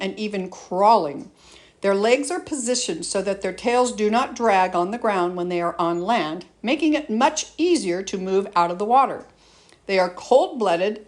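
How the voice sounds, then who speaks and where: Female educator, mid-pitched, for scripted explanatory lesson narration in a student nature-documentary style. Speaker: teacher presenting an educational lesson.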